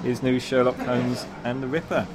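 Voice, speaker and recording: In a casual interview at a busy shopping centre store, a man who manages a bookshop answers politely, a little hesitant and using fillers. His medium-pitched voice is delivered flatly at a normal speed, with a loud crowd in this noisy public recording.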